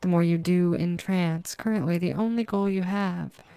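A woman speaking as a hypnotist, giving a slow, soft, repetitive trance induction. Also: lowish voice, steady tone, clean tone, dry recording. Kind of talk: scripted erotic hypnosis narration.

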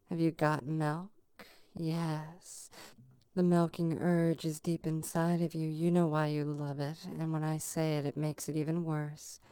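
A woman speaks in a low, very smooth voice, close and intimate, as if right in your ear. She delivers an adult hypnosis monologue at an unhurried pace, coaxing and lingering on words. The sound is dry. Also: dark tone, no room sound.

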